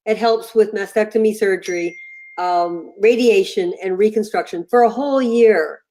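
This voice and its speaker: An older woman, a company founder, chatting as an interview guest over a video call and acting out the voices in her anecdotes. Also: a little high. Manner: animated storyteller, acts out voices in anecdotes. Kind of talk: casual interview chat.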